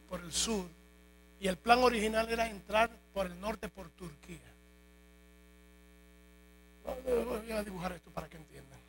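Gravelly animated preacher. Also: male voice, high voice, low-quality recording. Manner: animated, joking storytelling. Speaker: pastor. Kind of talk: sermon. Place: church. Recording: faint mains hum.

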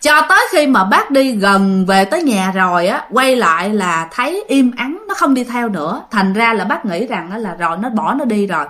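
A woman's voice: medium pitch, big pitch swings, moderate pace, few pauses, a bit bright. A woman with a Southern Vietnamese accent telling a ghost story in a chatty way, speaking straight to her listeners. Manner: chatty, addresses listeners directly, many fillers. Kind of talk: casual spoken storytelling.

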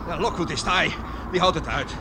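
A man's voice: a little high, moderate pace, natural voice. An actor playing a dogged airman in a radio drama, urgently calling out repeated commands and encouragement during a rescue. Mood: determined. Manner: urging, exclaiming, repeating commands. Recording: engine and wind noise behind.

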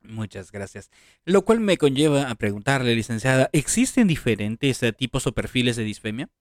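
A man's voice: medium pitch, very animated, normal speed, no room sound, studio quality. A man hosting a radio interview, rambling a bit as he shares thoughts with his guest. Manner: rambling, many fillers and restarts. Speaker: radio show host. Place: online radio studio.

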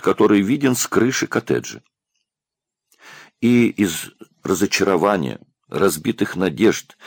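A man narrating a science fiction audiobook in an expressive storytelling manner. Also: sits low, gravelly, slightly rough, dry recording, clean studio sound. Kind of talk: scripted narration.

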